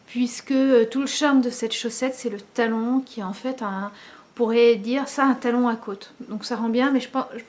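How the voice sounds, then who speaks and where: A woman, likely in her thirties, chatting casually to the camera at home as host of a knitting video, pausing often with many fillers. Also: a little high, steady tone, darkish tone. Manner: hesitant, many pauses and fillers.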